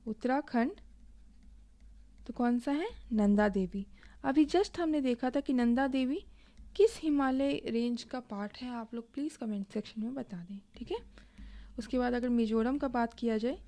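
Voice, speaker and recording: A woman teaching an exam-prep lesson, speaking slowly while she writes and asking and answering her own questions. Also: a little high, creaky, mellow. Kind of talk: recorded online lesson, Hindi with English.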